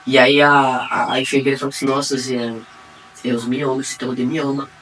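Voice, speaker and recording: A woman with a Brazilian accent giving a personal faith testimony, acting out the dialogue as she retells it and swinging between quiet and excited. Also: rumbling low, fairly quick, slight background noise. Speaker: testimony giver. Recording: distant mic, faint room ambience.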